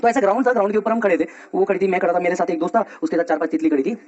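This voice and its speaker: A male teacher telling a personal story to his students in a lively, slangy way with frequent laughs. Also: sits high, rapid-fire, lo-fi sound. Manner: animated, slangy, laughs often.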